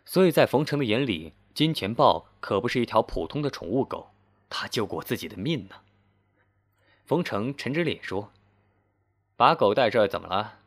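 A male storyteller reading a scripted tale. His delivery is expressive, his pitch rising and falling a lot, at a middle register. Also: moderate pace. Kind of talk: scripted narration.

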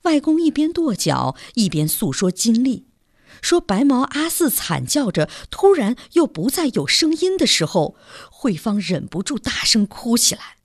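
Expressive woman storyteller, lively pitch. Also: unhurried, dry recording, clean studio sound. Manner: expressive, dramatic reading. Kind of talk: scripted story narration.

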